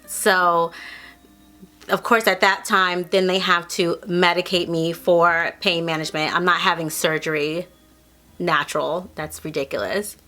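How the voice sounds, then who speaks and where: A woman's voice: fairly low pitch, fairly even intonation, measured pace, sharp tone, faint music behind. A woman in her thirties earnestly telling her own birth story in a casual vlog, acting out the voices of people she quotes.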